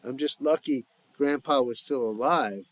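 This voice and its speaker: A man voicing a gruff, quick-tempered father who argues with his family in an audio story. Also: mid-range voice, dry recording, lightly acted. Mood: combative. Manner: blustering, combative.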